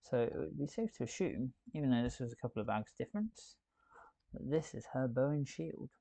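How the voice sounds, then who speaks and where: A man's voice: medium pitch, animated, brisk, gravelly, dark tone, no room sound. A man hosting a live building stream, chatting and thinking aloud as he works. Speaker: host.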